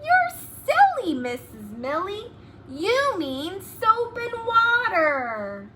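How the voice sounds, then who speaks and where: A woman voicing young storybook pupils who playfully correct their teacher, exclaiming and stressing words slowly. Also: very high-pitched, huge pitch swings, heavy background noise, voice pushed up, heavily acted.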